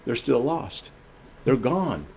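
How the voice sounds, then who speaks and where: A man preaching a sermon as pastor, earnest and emphatic, swinging between loud and soft and often repeating phrases as he explains. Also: mid-range voice, sing-song, slow, vocal fry, slight background noise.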